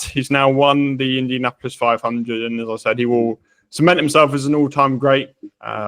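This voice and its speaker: A man's voice: mid-range voice, fairly bright tone, dry recording. Chatty male podcast co-host, dry sound. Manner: chatty, laughs at own slips. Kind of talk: casual podcast commentary.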